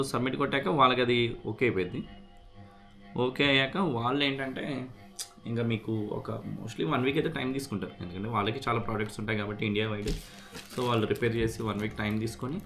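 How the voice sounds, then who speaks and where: In a mid-range voice with a fairly bright tone, a man chats like a vlogger about a product repair he went through. He explains things casually, unboxes, and sprinkles English words throughout.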